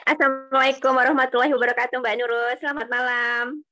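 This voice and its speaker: A woman's voice: sits high, fairly even intonation, fast. A woman greeting politely on a group video call, her voice choppy and breaking up over a weak connection. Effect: choppy, breaking-up voice over a weak online call connection. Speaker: class participant.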